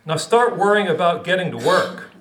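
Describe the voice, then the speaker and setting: A man's voice: high voice, expressive, normal speed, a bit bright, echoey room, voice pushed up. A man voicing a stern male author who lectures in an insistent, exasperated way.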